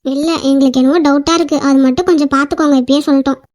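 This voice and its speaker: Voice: high voice, steady tone, very fast, a little mellow, dry recording, studio quality, lightly acted. A performer voicing a worried young woman, a pleading younger sister in a cartoon. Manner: anxious, pleading. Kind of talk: cartoon voice acting.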